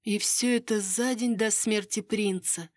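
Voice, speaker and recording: A woman's voice: a little high, fairly quick, darkish tone, dry recording, clean studio sound, pitched above the performer's own voice, lightly acted. A woman reading the part of a proper unmarried lady at court who is earnest and easily shocked. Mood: indignant.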